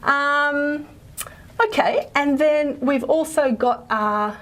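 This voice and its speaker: In a casual recorded phonetics class, a woman lectures with lots of ums and frequent "okay?" checks. She sounds out example consonants and pauses as she writes on and erases the board. Her voice sits high and is a bit bright.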